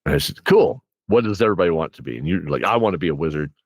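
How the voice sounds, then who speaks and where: A low-pitched, expressive man talks rapid-fire in a studio-quality recording with no echo. As a game master in casual, animated storytelling, he rambles through campaign stories and quotes his players' reactions in character.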